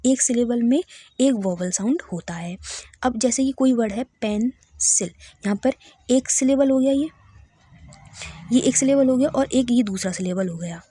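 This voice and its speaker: A woman's voice: a little high, moderate pace, warm tone, slightly rough, dry recording. Woman teaching a literature lesson. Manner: checks in with listeners often, repeats key terms.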